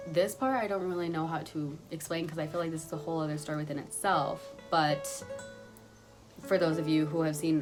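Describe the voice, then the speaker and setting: A young woman telling a personal story on her vlog, earnest and rambling, often restarting her sentences. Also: sits low. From Guatemala, raised in Utah. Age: young adult. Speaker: vlogger.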